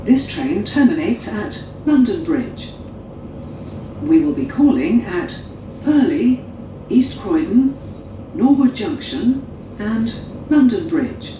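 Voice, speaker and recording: A woman's recorded voice giving an automated train station announcement over onboard speakers, listing stops slowly and evenly. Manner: slow, measured, even delivery of station names. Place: inside a moving train carriage. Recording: distant echoey loudspeaker with train noise. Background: train rumble and air conditioning.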